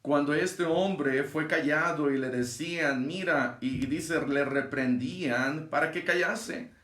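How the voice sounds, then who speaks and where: A man giving a devotional as a pastor, reading a Bible passage and then preaching on it with emphatic, animated retelling. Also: fairly high pitch, unhurried. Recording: roomy echo.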